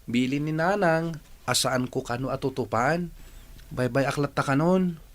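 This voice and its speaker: A man's voice: mid-range voice, moderate pace, close to an everyday voice. An actor playing an earnest, dutiful young village man in a radio drama. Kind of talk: Philippine radio drama acting.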